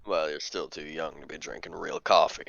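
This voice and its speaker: A man's voice: very deep voice, fairly even intonation, moderate pace, vocal fry, fairly bright tone, muffled recording. A man chatting casually during a group game playthrough, swearing and teasing as he goes. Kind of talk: casual group game playthrough, chat mixed with reading dialogue.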